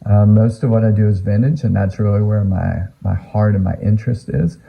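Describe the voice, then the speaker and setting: A man with a raspy, worn-out voice, hoarse from a week of teaching, chatting casually and earnestly to camera with lots of ums as he talks about his card collection. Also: lowish voice, steady tone, brisk. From Atlanta, United States. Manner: rambling, earnest, many ums. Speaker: sports card collecting YouTuber. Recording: phone-like narrow sound.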